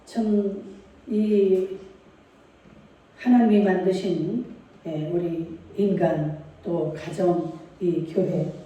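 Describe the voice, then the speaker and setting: A woman's voice: mid-range voice, mellow. A woman preaching a sermon in a church, speaking emphatically and putting rhetorical questions to the congregation. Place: church sanctuary. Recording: echoey church hall, mic far off.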